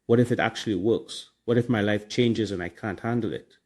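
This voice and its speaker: A man's voice: on the low side, fairly quick, darkish tone. A man with a Trinidadian accent hosting a casual motivational podcast, talking in colloquial Caribbean slang. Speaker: podcast host.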